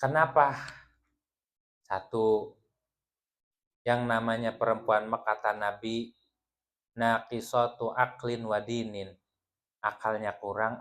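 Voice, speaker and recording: A man's voice: medium pitch, fairly bright tone. A man, teaching a religious study group in a playful, teasing way and laughing often with his listeners. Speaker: Islamic teacher leading a women's study group. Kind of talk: joking religious study talk.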